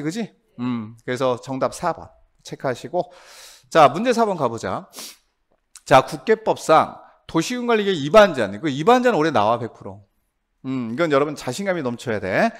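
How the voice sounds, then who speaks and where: A man teaching a real estate law exam review, quizzing his class with quick tag questions. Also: a little high.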